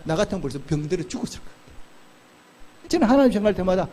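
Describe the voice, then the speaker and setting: Preaching a sermon, a male pastor asks the congregation questions and answers them himself, swinging between loud exclamations and soft, slow murmurs. His voice is high with big pitch swings.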